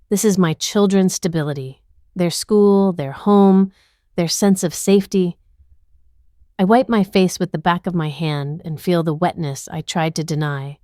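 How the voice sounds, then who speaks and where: A woman telling a dramatic first-person story in scripted narration, tense, intimate and measured. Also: on the low side, darkish tone, dry recording, studio quality.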